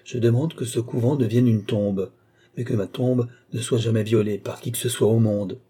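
A proud vengeful young woman, earnest and firm, low mellow voice with a husky edge, as a male audiobook reader gives her lines. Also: steady tone, moderate pace, lightly acted. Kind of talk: audiobook reading.

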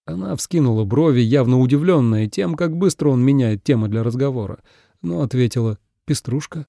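A man narrating an audiobook with expressive storytelling. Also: mid-range voice, a little fast, gravelly, no echo, clean studio sound.

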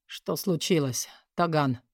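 A woman voicing a weary, stern young male king in a fantasy audiobook, with a low, clipped, tired delivery. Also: moderate pace, no room sound, clean studio sound, close to an everyday voice.

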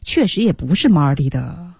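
A woman's voice: sits low, lively intonation, normal speed, a little mellow, slightly rough, no room sound, clean studio sound. Upbeat female radio co-host. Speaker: radio English teaching co-host. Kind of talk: casual radio lesson chat. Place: radio studio.

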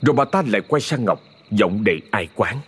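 A man narrating a horror story in a dramatic, expressive scripted reading. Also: lowish voice, a little fast, breathy edge.

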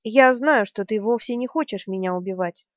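A woman reading the part of a fierce, desperate female warrior in an audiobook, shouting and shrill. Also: moderate pace, no room sound, close to an everyday voice. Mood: furious desperation. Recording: dry, slightly dull studio sound.

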